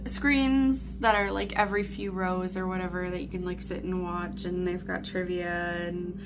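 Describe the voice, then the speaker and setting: Speaking at a moderate pace with fairly even intonation, this woman has a voice on the low side, with background noise present. She's a craft vlogger in her thirties, chatting casually with viewers through a rambling story full of "like" and "you know."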